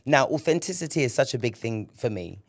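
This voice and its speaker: A man hosting a podcast in casual commentary, candid and animated, swearing freely and repeating words when he gets excited. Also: medium pitch, fairly quick, no echo, clean studio sound. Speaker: podcast host.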